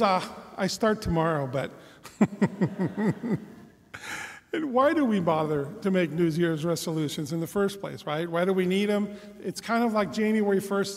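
A man's voice: high-pitched, darkish tone. A man reading the gospel and giving a casual homily with light humor, his voice ringing with cathedral echo in a large church. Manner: conversational, self-deprecating humor with fillers. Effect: cathedral echo, long church reverb. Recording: long reverb in a large church.

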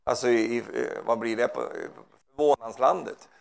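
A man's voice: mid-range voice, gravelly. A man preaching informally, fervent and rambling, who peppers his talk with hallelujahs and amens. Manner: rambling, with frequent restarts and asides.

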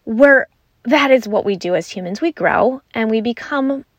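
A woman's voice: medium pitch, dry recording. Earnest woman podcast host, dry sound. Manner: earnest, reflective, with frequent "right?" asides. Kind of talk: solo podcast monologue.

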